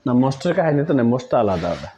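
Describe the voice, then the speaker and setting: A man's voice: mid-range voice, sing-song, very fast, warm tone, a little hiss or hum. A man teaching an English grammar lesson, repeating key words and checking that students follow. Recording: dull lo-fi recording.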